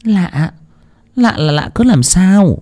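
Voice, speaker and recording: A man voicing a sharp-tongued, skeptical wealthy wife who scolds with quick retorts. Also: high voice, animated, voice pushed up. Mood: scolding.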